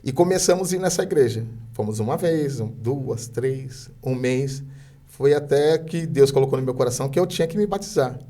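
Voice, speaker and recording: Mellow-voiced Brazilian man giving an emotional testimony. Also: medium pitch, normal speed, soft background music. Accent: Brazilian Portuguese. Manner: hesitant storytelling with many restarts. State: moved to the point of tears at times. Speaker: guest telling his life story.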